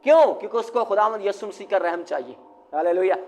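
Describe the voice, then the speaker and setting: High-voiced man preaching a sermon. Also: animated. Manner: call-and-response, quizzing the congregation; bursts into shouting. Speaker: pastor.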